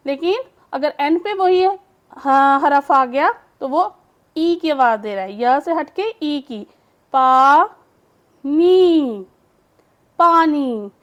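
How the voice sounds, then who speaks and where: A woman teaching English phonics, explaining slowly in Urdu and saying each word twice. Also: high voice, dull audio. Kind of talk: slow phonics lesson.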